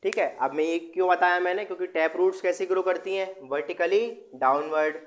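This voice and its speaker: A young male teacher with a slightly high voice, explaining a lesson to students step by step. He asks a question again and again, then answers it himself. He mixes English words into his explanation. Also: a little fast. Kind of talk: online class lesson.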